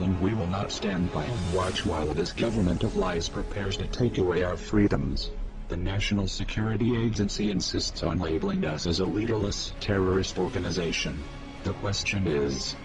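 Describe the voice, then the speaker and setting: Give me a deep, disguised, electronically lowered male voice reading a solemn statement over music. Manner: slow, solemn, declarative. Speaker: anonymous spokesman. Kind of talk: scripted manifesto statement.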